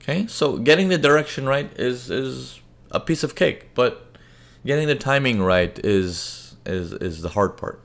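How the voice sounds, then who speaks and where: A man's voice: mid-range voice, animated, unhurried, vocal fry. A man presenting a live trading webinar, explaining charts conversationally and often checking in with his audience. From Indian parents, raised in several countries. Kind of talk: live webinar teaching with chat questions.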